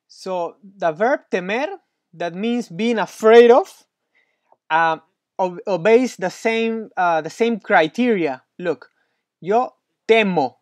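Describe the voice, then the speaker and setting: A man's voice: high-pitched, no echo. A man tutoring Spanish one-on-one, patient and encouraging, praising often, with slightly non-native English phrasing. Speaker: Spanish teacher.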